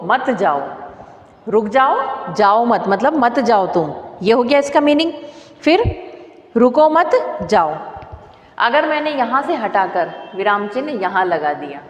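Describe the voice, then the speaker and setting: Teacher woman in an echoey room. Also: high voice. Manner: explains slowly, repeating examples and asking questions. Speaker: school teacher. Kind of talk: classroom grammar lesson. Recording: echoey room with long reverb.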